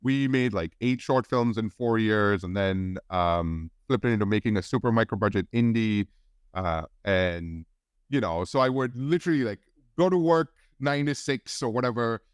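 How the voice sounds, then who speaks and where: A man in his forties from India, a guest on a podcast, telling his story in a relaxed, rambling way with many restarts. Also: on the low side, moderate pace, clear, resonant tone, dry recording, clean studio sound. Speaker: guest film editor. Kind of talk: casual podcast interview.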